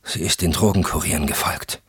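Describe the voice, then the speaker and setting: A man's voice: extremely low pitch, a little fast, fairly bright tone, husky, dry recording, clean studio sound, heavily acted. A man voicing a hunted man in an audiobook, talking in urgent, clipped instructions. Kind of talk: audiobook character voice.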